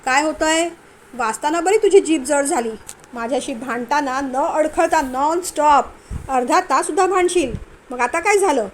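A woman's voice: sits high, normal speed, a little hiss or hum, natural voice. A woman voicing a stern young husband who scolds and mocks his wife while tutoring her. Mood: scolding. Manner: scolding, impatient, mocking.

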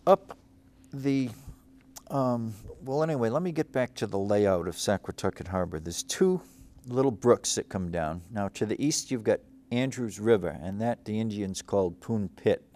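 A man's voice: on the low side, darkish tone. A middle-aged man from Cape Cod hosting a local show, seated at a studio desk and wandering through reflective memories, full of fillers and restarts. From Cape Cod, Massachusetts. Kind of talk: rambling local-history monologue.

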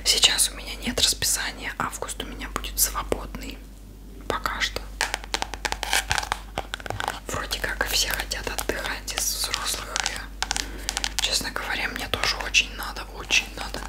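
Female ASMR creator, soft unvoiced whisper throughout, informal show-and-tell delivery, close-miked. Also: a little slow, long pauses. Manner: informal, loose, thinking aloud.

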